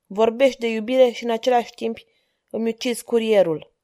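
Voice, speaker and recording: A woman's voice: on the high side, steady tone, mellow, natural voice. A woman voicing a proud, defiant young princess who answers with cold, cutting words in an audiobook reading. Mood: haughty. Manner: cutting, haughty replies.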